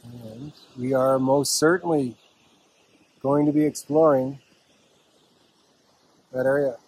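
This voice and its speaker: A man with a slightly husky voice gives casual, unhurried, offhand narration to his camera while walking a trail outdoors. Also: medium pitch, steady tone, darkish tone, slight background noise, rough recording. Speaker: hiking vlogger. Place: outdoors on a park trail with a stream nearby.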